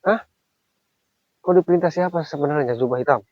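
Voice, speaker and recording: Fast-talking man grilling a stranger. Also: a little high, dry recording, highs cut off. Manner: insistent repeated questioning; exasperated sighs. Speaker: vlogger. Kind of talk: confrontational vlog on the move. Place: outdoors on a hill trail.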